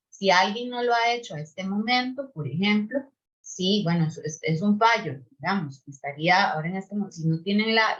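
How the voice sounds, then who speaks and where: A woman presenting an online webinar and answering audience questions, explaining step by step with frequent tag questions and restarts. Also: medium pitch. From Costa Rica. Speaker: webinar presenter on public procurement. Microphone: video call microphone. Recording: slightly dull video call audio.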